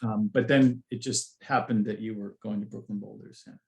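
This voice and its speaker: A man's voice: lowish voice, fairly even intonation, moderate pace, creaky, a little hiss or hum. A man hosting a podcast, talking in a loose, rambling way with many asides during a casual conversation. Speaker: podcast host.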